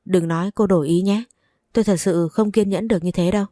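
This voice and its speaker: A woman's voice: fairly low pitch, steady tone, fast, dark tone, no room sound, clean studio sound, close to an everyday voice. A woman reading a curt, impatient man. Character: impatient man collecting his son.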